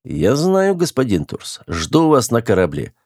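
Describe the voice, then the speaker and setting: A man's voice: medium pitch, huge pitch swings, a little slow, darkish tone, no room sound, studio quality. A man voicing a curt sardonic captain. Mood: wry exasperated. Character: gruff, sardonic male starship captain.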